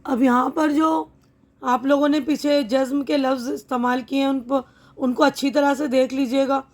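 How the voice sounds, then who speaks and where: A woman teacher with a high, light voice walks pupils through a textbook lesson. She is patient and methodical, spelling out each word slowly and often pausing to check that they follow. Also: little pitch movement. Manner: patient, repeats words slowly, checks understanding.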